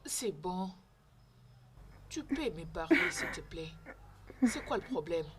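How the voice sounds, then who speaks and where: A woman's voice: lowish voice, big pitch swings, takes it slowly. An actress playing a kind young woman teacher who talks earnestly and coaxingly in a dubbed film. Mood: concerned.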